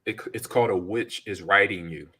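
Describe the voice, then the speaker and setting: Casual podcast host, man in his forties, lowish bright voice, animated storyteller. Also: fairly quick, breathy edge. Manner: animated storyteller, acts out quotes. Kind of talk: casual chat.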